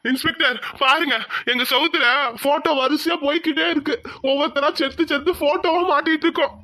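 This is a grief-stricken old village patriarch in an animated story, mournful and fearful. He speaks quickly in a high, bright tone. Faint music runs behind. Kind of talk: cartoon voice acting.

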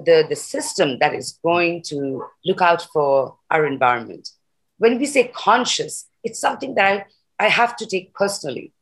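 Her voice sits low and husky: a middle-aged sustainability activist originally from Nepal and raised in India, appearing as a video call guest. She speaks with earnest passion from a room at home through her laptop webcam.

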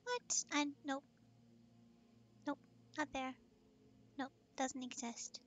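A woman streaming a video game, chatting casually and playfully with a co-host, with excited gasps. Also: high voice, slow pace, a little hiss or hum. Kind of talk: casual gaming stream chat.

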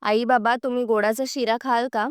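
A woman's voice: on the high side, fairly even intonation, moderate pace, clear, resonant tone, dry recording, clean studio sound, lightly acted. A woman reading the lines of a firm, devoted young daughter-in-law in a serial recap. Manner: firm, rebuking.

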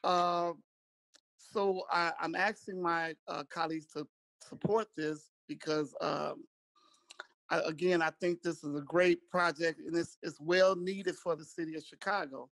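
A man, a city council member, speaking into a meeting over a remote video call whose audio breaks up, talking haltingly and repeating words as he backs a project. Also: a little high, steady tone, vocal fry, fairly bright tone, low-quality recording. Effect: remote video call link, audio breaking up.

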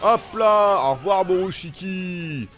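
A man from France, a gaming YouTuber, talking chattily through character setup and gameplay with lots of quick exclamations. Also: sits high, faint music behind. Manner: excitable, chatty, punctuates action with exclamations. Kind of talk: gameplay commentary.

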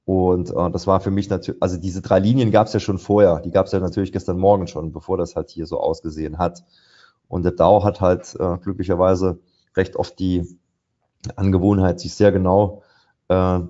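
He has a deep, dark voice and a flat delivery at a moderate pace. As a trader hosting a live session, he talks over a screen share about the charts while placing trades, thinking aloud with frequent fillers. The audio is muffled.

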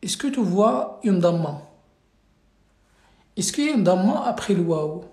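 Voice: mid-range voice, big pitch swings, unhurried, a little mellow, echoey room. A teacher running a live reading class, calling on students and correcting them patiently, drilling syllables over and over.

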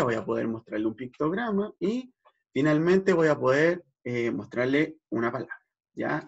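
A man, a speech therapist, explaining vowel gestures in a lesson, checking in often and demonstrating sounds with exaggerated articulation. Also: fairly high pitch. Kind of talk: educational explanation. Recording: dull lo-fi recording.

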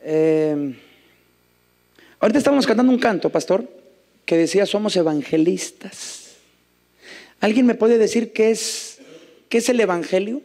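In a large hall, a guest preacher and singer with a high, animated voice speaks at a moderate pace, pausing often as he jokes with the congregation from a church stage. Using a handheld mic, he leads sung worship and then a sermon, with loud band music behind him during the songs.

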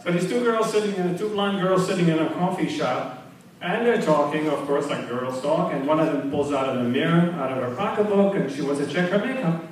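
A man rattles off one joke after another at an open mic night and jumps up in pitch for each punchline. He sits far from the mic in a very echoey small club. A faint hiss runs under his voice. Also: brisk. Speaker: stand-up comedian.

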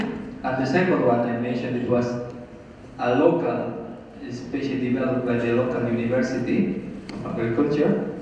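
A man's voice: mid-range voice, a little mellow, distant mic. A man in his thirties giving a technical answer to an audience question at a conference, on a handheld microphone. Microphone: handheld microphone through hall PA. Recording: muffled, very echoey hall, faint noise.

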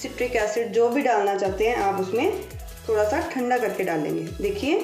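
Her voice is mid-range and slightly mellow as she teaches viewers of her cooking channel, taking things slowly and going over every step twice. The setting is a home kitchen, captured with a distant, roomy sound and faint music.

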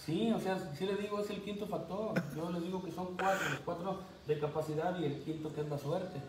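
A man's voice: sits high, steady tone, brisk, noisy background. A man chatting casually in an interview, often laughing as he talks. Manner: laughs often while telling stories. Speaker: cockfight handler.

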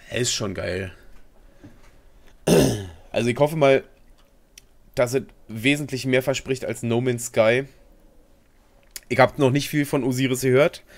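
Young man, let's play commentary, rambling, slangy, mid pitch. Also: vocal fry. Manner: rambling and slangy, talks to himself while playing. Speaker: gaming video host.

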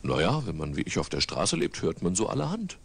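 A man's voice: low voice, huge pitch swings, fairly quick, gravelly, husky, exaggerated voice. A man voicing a scruffy, cocky male street tomcat in a storybook audiobook, laid-back and teasing.

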